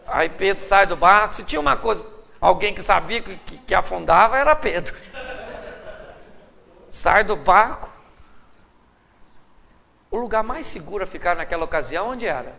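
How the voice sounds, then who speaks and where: High, gravelly man preaching in a hall. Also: moderate pace, long pauses. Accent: Brazilian Portuguese. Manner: humorous, animated storytelling with acted quotes. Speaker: pastor. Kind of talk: sermon. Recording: live hall recording with long reverb.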